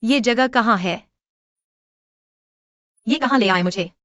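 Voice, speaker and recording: A woman's voice: on the high side, slow, fairly bright tone, no room sound, lo-fi sound. A voice actress dubbing a frightened young woman who pleads desperately to be let go, in a drama dub. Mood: panicked. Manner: pleading, panicked.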